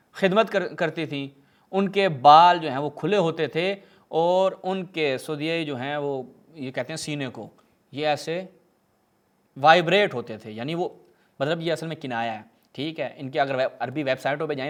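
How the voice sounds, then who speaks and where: A man giving a polemical religious lecture, reading narrations aloud and mocking them with sarcastic asides. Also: a little high. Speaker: religious speaker.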